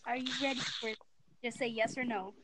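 A woman's voice: on the high side, fairly even intonation, a little fast. A woman chatting casually with friends in a playful, singsong way over a noisy background. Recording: clearly noisy background, mic clicks.

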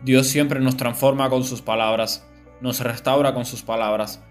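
A man reading a scripted Gospel reflection in an earnest, measured way. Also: medium pitch, steady tone, faint music behind. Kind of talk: scripted devotional narration.

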